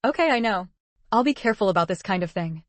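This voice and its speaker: A sharp-tongued young woman with a wry, teasing way of talking, read by a woman in an audiobook. Her voice is mid-pitched and sounds close and dry. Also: expressive, fast talker, no echo, lightly acted.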